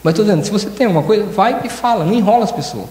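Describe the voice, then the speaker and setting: A church elder with a Brazilian Portuguese accent preaches a sermon, talking quickly in a high voice. He repeats his points emphatically and acts out bits of dialogue. The voice rings through a roomy hall with a long reverb tail. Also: expressive, dark tone.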